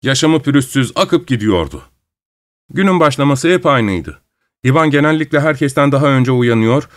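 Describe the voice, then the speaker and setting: A male audiobook narrator tells a story in calm, measured phrasing. His voice sits at an ordinary middle pitch, and he reads steadily without hurry.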